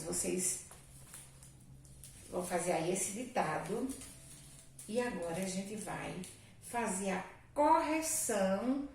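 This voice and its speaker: A Brazilian woman teacher giving a dictation lesson, spelling words slowly letter by letter and calling her pupils dear. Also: mid-range voice, gravelly, a little mellow, a little hiss or hum. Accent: Brazilian Portuguese. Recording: echoey room, distant mic.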